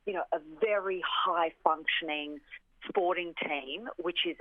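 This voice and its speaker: An orchestra representative is interviewed on the radio by telephone, speaking with enthusiasm and emphasis and often repeating phrases. Her voice is on the low side and a little slow. The phone line sounds tinny and band-limited, with no echo.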